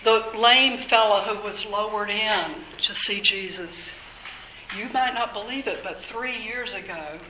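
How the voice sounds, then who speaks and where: Older woman, earnest workshop speaker, unhurried delivery, echoey meeting room. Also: medium pitch, bright, forceful tone, a little hiss or hum. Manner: earnest, measured, faith-minded. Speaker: speaker at a workshop on mental illness. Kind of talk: informal talk to an audience.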